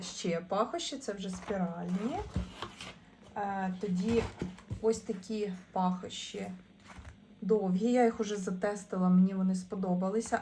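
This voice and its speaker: A woman talks through an unboxing in a relaxed, chatty way, pausing on fillers and restarting her thoughts. Her voice sits at a middling pitch. A faint hiss of background noise stays under her voice. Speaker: vlogger unboxing tarot and esoteric goods. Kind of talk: casual unboxing chat.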